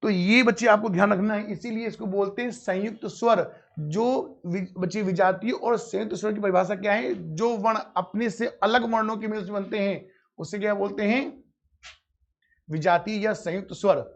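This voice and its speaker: A man's voice: high-pitched, fairly even intonation, moderate pace, gravelly. A man teaching grammar in a live online class, calling his students "beta" and answering his own questions. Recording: dull lo-fi audio.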